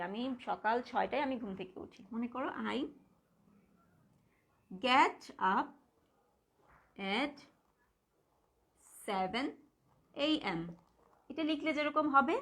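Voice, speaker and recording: A woman with a Bangladeshi accent teaches young pupils in a live online lesson. Her voice sits a little high, and her manner is patient as she repeats phrases word by word and checks that the class follows. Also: fairly bright tone. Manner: patient, repeats words slowly, asks the class questions. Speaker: primary school teacher.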